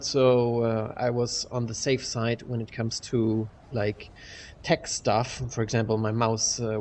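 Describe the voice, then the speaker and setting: Man with heavy room echo. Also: mid-range voice. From Germany. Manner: loose and rambling, swears freely. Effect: echoey room sound, like a big bare hall. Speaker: gaming channel host. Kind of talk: casual rambling vlog over gameplay. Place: sparsely furnished room at home with large windows. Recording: echoey room with faint noise.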